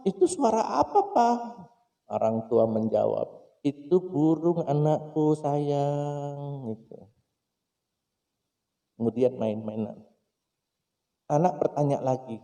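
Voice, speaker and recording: A man's voice: gravelly, warm tone, far from the mic. A man preaching a sermon, telling a story and asking the audience questions, acting out the quoted voices. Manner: acts out quoted voices with sudden jumps in pitch and volume.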